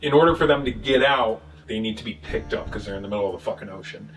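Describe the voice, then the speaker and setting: A man's voice: lowish voice, fairly bright tone, far from the mic, faint music behind, low-quality recording. A man acting out a profane, joking movie recap. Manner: profane, jokey retelling with quick voices for characters. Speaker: podcast co-host. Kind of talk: casual movie recap chat.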